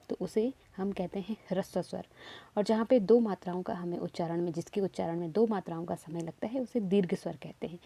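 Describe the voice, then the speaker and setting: A woman's voice: medium pitch, warm tone. A woman teaching a Hindi exam-prep lesson, explaining step by step and often checking that students follow.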